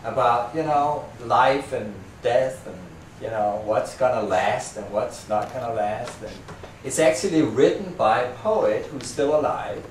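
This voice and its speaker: A man's voice: mid-range voice, measured pace, recorded from a distance. Man, Danish accent, loose rambling party introduction, picked up from across an echoey room, faint hiss. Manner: rambling, self-deprecating, many fillers and restarts. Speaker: musician introducing a poem reading. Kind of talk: informal spoken introduction at a party.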